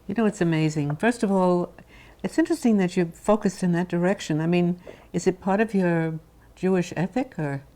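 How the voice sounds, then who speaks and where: A woman hosting a TV interview show, asking questions in a warm and encouraging way. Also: on the low side, normal speed. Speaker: TV show host. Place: studio.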